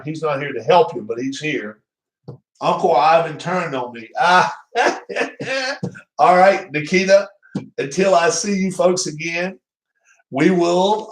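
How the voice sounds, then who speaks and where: A man hosts a casual live stream from a room at home, rambling and teasing his viewers in a jokey way. His voice sits fairly high for a man. The room gives the sound a noticeable echo. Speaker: channel host. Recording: roomy echo.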